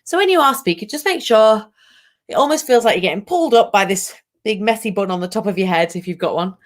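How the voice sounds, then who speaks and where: A woman vocal coach leading an online workshop, giving direct, lively instructions and demonstrating as she goes. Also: fairly low pitch.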